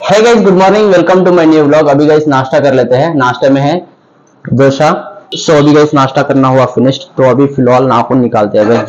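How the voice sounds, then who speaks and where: A man opens his home vlog with an upbeat greeting and slips English words into his casual chat. His middle-pitched voice comes through slightly dull and lo-fi, with a faint hiss of room ambience behind it. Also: darkish tone. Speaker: vlogger. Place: at home, kitchen.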